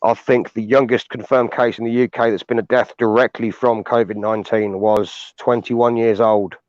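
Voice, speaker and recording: A man from the United Kingdom, a guest talking in an earnest, measured way with some "um"s. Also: on the low side, little pitch movement, darkish tone, no echo. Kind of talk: casual chat. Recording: dry, dull lo-fi sound.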